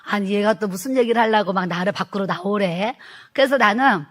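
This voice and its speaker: A middle-aged pastor's wife with a mid-range voice speaks a little fast as she retells a church testimony in her sermon. Along the way she laughs and acts out what was said.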